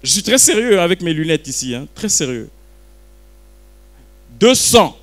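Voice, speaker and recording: A man's voice: on the high side, big pitch swings, measured pace, a bit bright. A man running a live auction at a book launch, calling and repeating bids while teasing the crowd. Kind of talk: joking live auction patter.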